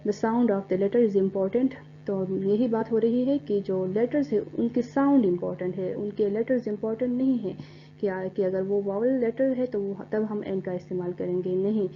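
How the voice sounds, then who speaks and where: A woman teaching an English grammar lesson, explaining step by step and spelling words out letter by letter, reading English examples slowly. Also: mid-range voice. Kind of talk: recorded classroom lecture. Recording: dull lo-fi recording with faint hum.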